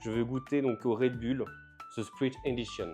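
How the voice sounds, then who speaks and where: A man's voice: mid-range voice, steady tone, moderate pace, over music. An older man chatting casually in a vlog, unboxing snacks, laughing and stumbling over English words. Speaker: vlogger.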